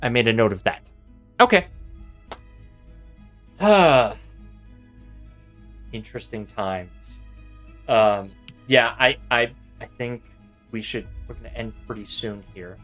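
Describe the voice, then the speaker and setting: A man acts as game master in casual table talk, thinking aloud in a halting way. His voice sits at a middling pitch, with faint music underneath. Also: expressive, a bit bright.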